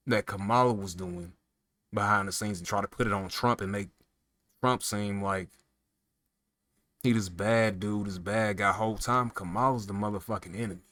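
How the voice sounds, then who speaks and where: A political commentator with a somewhat low, slightly bright voice launches into a heated, profanity-filled casual rant. Addressing the listener directly, he stacks up emphatic rhetorical questions. The recording is dry, with no room sound.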